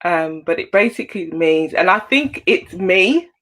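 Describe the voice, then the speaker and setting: A woman from Antigua, a guest in a casual online chat, talking lively and bantering playfully over a video call. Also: on the low side, a little slow.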